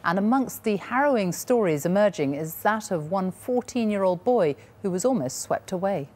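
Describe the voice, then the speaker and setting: A woman's voice: medium pitch, animated, moderate pace, a little mellow. A British woman presenting studio news from a script.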